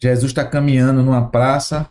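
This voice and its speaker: A man's voice: medium pitch, flat delivery, normal speed, darkish tone. A man with a Brazilian accent, hosting a podcast, thoughtfully retelling a scene as he imagines it aloud. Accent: Brazilian Portuguese. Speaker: podcast host. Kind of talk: reflective conversational storytelling.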